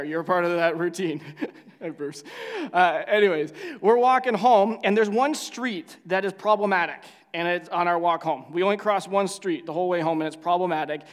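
High-pitched man, pastor, preaching in a chatty storytelling way, long church reverb. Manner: conversational storytelling with frequent restarts. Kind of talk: sermon with prayer.

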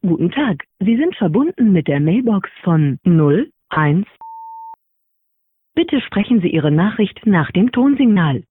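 A woman's voice: fairly low pitch, sing-song, a little slow. A woman's recorded mailbox greeting, spoken in a formal announcement style and played back over a phone line. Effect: voicemail greeting played over a phone line. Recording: tinny, noisy phone line. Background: line clicks and dial tones.

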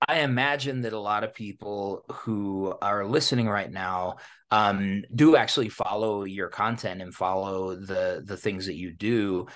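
This podcast host speaks a bit slowly in a lowish, slightly bright voice. He's an American man running a casual interview show, using plenty of slang and tossing in some Spanish.

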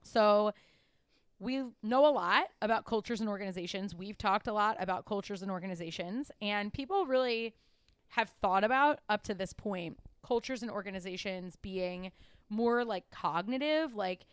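A woman's voice: mid-range voice, moderate pace, clean tone, no room sound, studio quality. A young woman co-hosting a podcast, chatting casually and laughing often, with lots of "like" fillers. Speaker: podcast co-host. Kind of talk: casual chat.

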